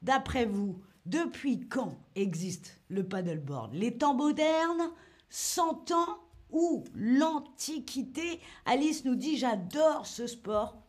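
A woman's voice: sits high, lively intonation, takes it slowly, darkish tone. A woman from Nice hosting a playful livestream lesson outdoors on the sea, chatting with viewers. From Nice, France. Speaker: livestream host. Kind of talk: live-streamed lesson while paddleboarding.

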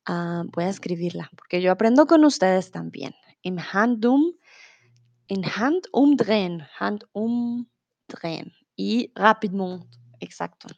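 A woman's voice: mid-range voice, lively intonation, gravelly, darkish tone, dry recording, highs cut off. A woman from teaching Spanish on a live stream, reading viewers' chat aloud and encouraging them patiently. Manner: patient, encouraging, repeats words slowly and switches to English.

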